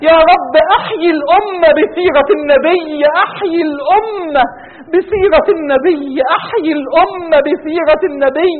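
A man's voice: very high voice, moderate pace. A man preaching in an Egyptian Arabic accent, with impassioned and pleading delivery, moving from a sermon into a long supplication. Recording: tinny phone-like sound with faint noise.

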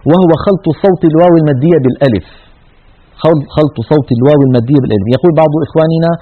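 In a slightly high voice, a man delivers rapid-fire instruction on Quran recitation, demonstrating each sound in a sincere tajweed lesson. Everything is heard through tinny, narrow-band radio audio.

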